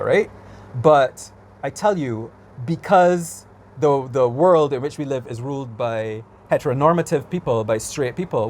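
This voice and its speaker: A man's voice: mid-range voice, darkish tone, slight background noise. A man from Barbados with a Barbadian accent, ranting casually on his vlog, exasperated and emphatic, repeating his points. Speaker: vlogger. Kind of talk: casual rant.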